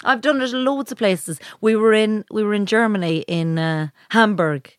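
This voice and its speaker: A woman's voice: medium pitch, normal speed, clean tone, no room sound, clean studio sound. A woman telling rowdy, self-mocking stories in casual chat, laughing as she goes. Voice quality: lively and animated, laughing through stories.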